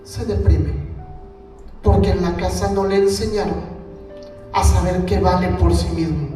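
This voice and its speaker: A man's voice: high-pitched, steady tone, a little slow, warm tone, recorded from a distance. Man telling stories in an echoey hall. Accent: Mexican Spanish. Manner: storytelling, acts out his daughter's and wife's lines. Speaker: speaker at a family ministry conference. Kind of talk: conference talk with personal anecdote. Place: large hall with audience. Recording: echoey hall, mic from afar, faint music.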